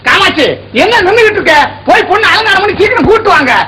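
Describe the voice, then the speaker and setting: A man's voice: extremely high pitch, expressive, fast talker, sharp tone, a little hiss or hum, heavily acted, rough recording. An actor playing a fussy, boastful village father of the bride in a 1960s film, talkative and self-important. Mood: bossy.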